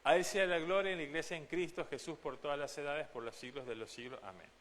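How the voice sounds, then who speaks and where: A man's voice: fairly high pitch, fast, fairly bright tone, a little hiss or hum. A man from Argentina, preaching a sermon as pastor, earnest and direct, often asking the congregation questions. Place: church.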